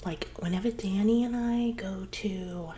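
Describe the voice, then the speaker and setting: A woman doing an ASMR role-play as one side of a casual, rambling chat, speaking in a soft, conspiratorial library-style soft voice with some low murmured words. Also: unhurried, background noise.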